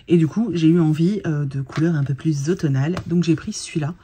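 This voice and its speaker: A woman's voice: low voice, brisk, warm tone, slightly rough. A tired woman vlogging in a casual, chatty way, full of fillers and restarts. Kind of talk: casual chat.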